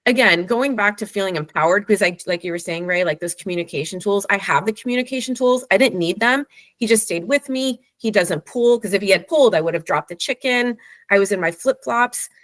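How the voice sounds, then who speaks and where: A woman's voice: fairly high pitch, a bit bright, no room sound. A woman guest telling a long story in a rambling way, full of "like" and "you know", speaking from home over a video call. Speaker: dog owner, guest. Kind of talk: casual storytelling in an interview.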